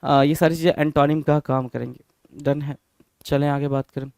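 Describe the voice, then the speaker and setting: A man runs an exam-prep vocabulary lesson, firing rhetorical questions at students and drilling each word. His voice sits high and comes across smooth and resonant. The recording is close and dry. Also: level tone, moderate pace, darkish tone, no echo. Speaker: vocabulary teacher.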